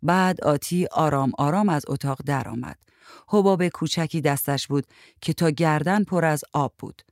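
A woman reading a short story aloud in a calm, even narrating voice. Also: low voice, no echo, studio quality.

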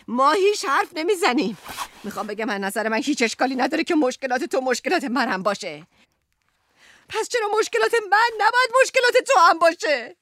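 A woman playing a fed-up, sharp-tongued housewife. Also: high-pitched, dry recording, clean studio sound. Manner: swings from loud outbursts to whispers. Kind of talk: theatrical monologue.

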